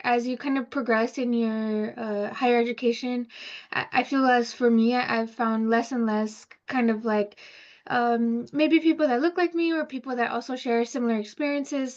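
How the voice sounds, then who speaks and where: A woman's voice: fairly high pitch, muffled recording. A woman in her twenties, an architecture student speaking as a webinar panelist, rambling and hedging with many fillers. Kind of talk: casual chat.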